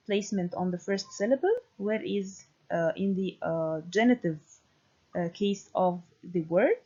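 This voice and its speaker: A woman giving a recorded university lecture, speaking deliberately and often pausing to check understanding with "okay". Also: medium pitch, a little mellow, slightly rough. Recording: dull lo-fi recording.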